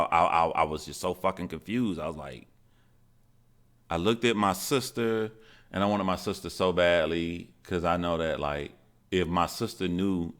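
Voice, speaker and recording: A man in his forties speaks in a very low voice. He tells a personal story candidly, with halting starts and a steady, earnest tone. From Georgia, USA. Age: 40s.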